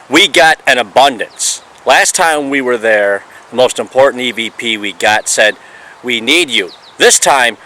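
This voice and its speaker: A man's voice: medium pitch, pushed and bright, low-quality recording. A man narrating his paranormal investigation as a voice-over, earnest and explanatory, building up each finding.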